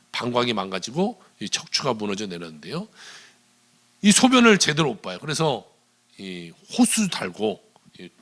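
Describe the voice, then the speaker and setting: A male pastor preaching a sermon in a church, retelling a story with animated delivery and quoted dialogue. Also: mid-range voice. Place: church sanctuary.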